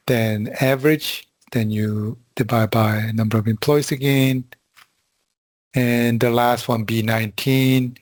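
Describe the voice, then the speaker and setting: Man, instructor, video call, slow halting delivery, dry close sound. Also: medium pitch, a little mellow, dry recording. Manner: slow and halting, many "okay"s and fillers. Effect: heard over a video call. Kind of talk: walking a class through spreadsheet formulas. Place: video call from a quiet room. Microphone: computer mic on a video call.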